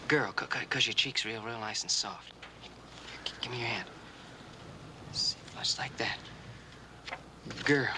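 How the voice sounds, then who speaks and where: A young actor playing a rancher who patiently coaches a deaf girl, repeating words slowly and gently in a 1960s TV western. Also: mid-range voice, background noise, lightly acted. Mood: patient coaxing. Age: young adult.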